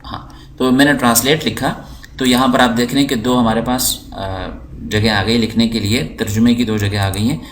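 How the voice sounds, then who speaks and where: A man with a mid-pitched voice gives a patient, unhurried lesson. He explains step by step as he clicks through his screen and repeats words so that learners can follow. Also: fairly even intonation, slight background noise. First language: Urdu. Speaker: English teacher.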